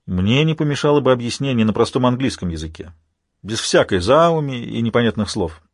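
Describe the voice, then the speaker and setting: A low, quiet male leader giving curt orders, as a man reads him. The voice is husky and dry, close to the mic. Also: animated, brisk, no echo.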